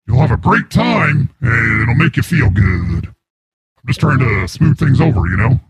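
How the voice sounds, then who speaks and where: A man through a voice changer as a brash, gravelly neighborhood boss. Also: mid-range voice, sing-song, measured pace, full character voice. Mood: smarmy. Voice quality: gravelly, raspy. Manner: rambling prank-call banter, mocking. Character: brash, crude self-important male neighborhood boss. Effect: voice changer distortion. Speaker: prank caller.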